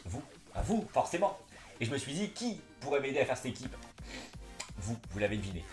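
A young man talks in a casual, slangy gaming-vlog style. His s sounds come out slightly lisped and slushy. His voice is mid-pitched, recorded in a roomy, echoey space with faint music behind. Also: very animated, brisk. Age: young adult. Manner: slangy, chatty, informal. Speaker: gaming YouTuber, host. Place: small indoor room, seated on a couch.

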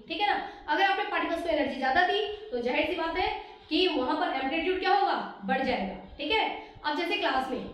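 A woman teacher with an Indian accent works through a lesson, posing questions and answering them herself. Her voice sits high. The recording is heavily echoey, as if made in a bare, reverberant room. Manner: rhetorical questions answered at once, frequent "theek hai". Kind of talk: classroom lesson explanation.

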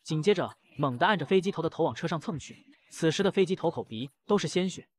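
A man narrating a dramatic comic recap with rapid, punchy storytelling. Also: on the high side, animated.

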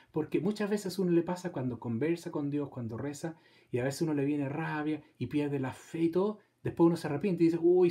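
A man's voice: mid-range voice, mellow. Chilean man teaching a parish theology class. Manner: conversational teaching, asks the class questions and acts out God's replies. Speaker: theology lecturer.

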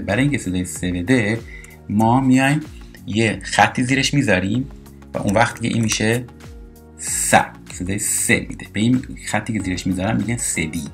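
A man teaching a recorded French lesson, explaining pronunciation and slowly repeating example words. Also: fairly low pitch, vocal fry.

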